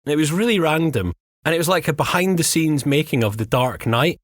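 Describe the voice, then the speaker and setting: A Scottish man co-hosting a podcast in casual comedic chat, animated and steering the topic with questions. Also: a little high, a little fast, no echo, clean studio sound. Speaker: podcast co-host.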